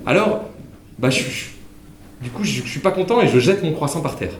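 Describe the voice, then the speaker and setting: A man's voice: a little high, expressive, a little fast, slight background noise. A man comedian telling a story on stage, rambling and correcting himself as he goes. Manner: rambling, self-correcting narration. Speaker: comedian and singer. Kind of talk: storytelling stand-up with songs. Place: theatre stage in front of an audience. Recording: roomy live stage with guitar music.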